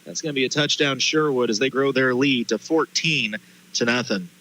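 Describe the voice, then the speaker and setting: Bright, forceful male play-by-play announcer. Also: medium pitch, normal speed, a little hiss or hum, poor audio. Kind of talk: live high school football commentary.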